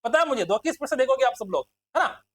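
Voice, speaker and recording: A male teacher running a quick exam quiz lesson, repeating himself and constantly calling his listeners friends. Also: very high voice, big pitch swings, no room sound. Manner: fast, repetitive, keeps addressing listeners as friends.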